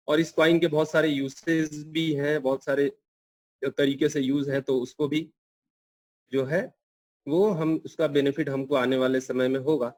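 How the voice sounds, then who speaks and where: A man's voice: mid-range voice, dry recording. A man opening an online meeting, explaining a coin plan and respectfully handing over to the main speaker. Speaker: meeting moderator.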